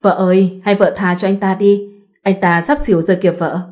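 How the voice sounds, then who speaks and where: A woman voicing an easygoing young husband who speaks calmly and reasons patiently in a read-aloud story. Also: high-pitched, fairly quick, natural voice. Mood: coaxing. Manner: calm, reasoning.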